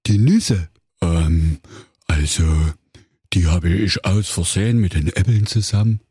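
A man's voice: low voice, unhurried, warm tone, husky, no room sound, studio quality, heavily acted. A man voicing a clumsy, dim-witted male bear in a comic fairy-tale parody, stammering excuses and blustering. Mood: sheepish. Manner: fumbling, sheepish excuses, sometimes blustering.

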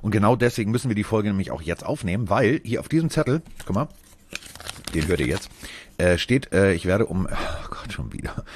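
A man's voice: on the low side, expressive, brisk, a little hiss or hum. A man co-hosting a casual podcast from a hospital room; his speech is slurred after facial surgery and he struggles with F sounds, joking about himself. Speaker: podcast co-host. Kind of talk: casual chat.

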